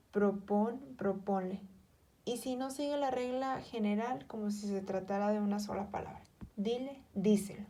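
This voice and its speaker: A woman slowly reading out spelling and accent rules, listing example words one by one in a careful, measured way. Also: medium pitch, dark tone.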